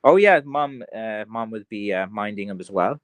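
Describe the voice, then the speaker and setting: Animated and fairly low in pitch, a Kerry craftsman who sells blackthorn sticks talks at a moderate pace on his livestream, working through comments in a rambling, tongue-in-cheek fashion. He has a mild west of Ireland accent from County Kerry, and the recording has no room sound.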